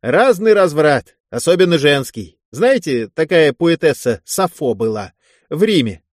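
This is a cocky young sergeant who teases and pushes his luck with a grin, as a male reader puts him on. He talks a notch higher and louder than the narration. The reading is close and dry. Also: very animated, unhurried, no room sound. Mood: joking. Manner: teasing, pushy, mock-pleading.

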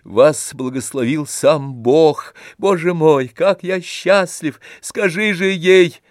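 An emotional nobleman in high, breathless outbursts, voiced by a man reading a classic novel. The lines rise sharply and come slowly, with a dry close sound. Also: sing-song, creaky, no room sound, full character voice. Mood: elated. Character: gentle middle-aged nobleman, overwhelmed with emotion.

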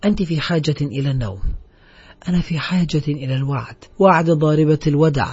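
A man's voice: fairly high pitch, fairly even intonation, fast talker, darkish tone, breathy edge. A man reading as a terse hunted outlaw. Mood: guarded. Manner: terse, guarded muttering. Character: weary hunted ex-convict man, tense, bitter. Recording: dull lo-fi audiobook track.

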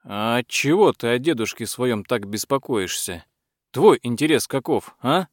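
A man's voice: mid-range voice, animated, unhurried, no echo, studio quality, lightly acted. A man doing a weary, suspicious blacksmith. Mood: doubtful. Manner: sighing, suspicious. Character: weary doubtful young blacksmith.

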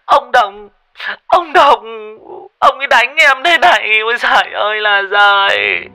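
Man putting on a wailing wife, raised pitch, bright, lamenting, storybook audio. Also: a little slow, full character voice. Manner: wailing, crying out for help. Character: wailing middle-aged wife, beaten and desperate.

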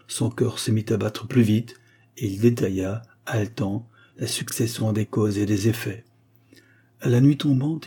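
A man reading a short crime story aloud in a steady, measured narration. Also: fairly low pitch, husky. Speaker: audiobook narrator. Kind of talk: scripted narration.

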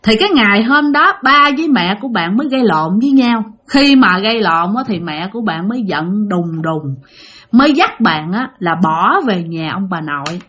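A woman's voice: medium pitch, expressive, normal speed, a bit bright, husky. A woman with a Southern Vietnamese accent, casually telling a ghost story and talking straight to her listeners. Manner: chatty, addresses listeners directly.

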